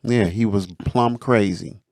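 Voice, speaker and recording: A man hosting a casual podcast, telling stories in an animated, slangy way. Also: lowish voice, unhurried, dry recording, studio quality. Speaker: podcast host. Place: studio.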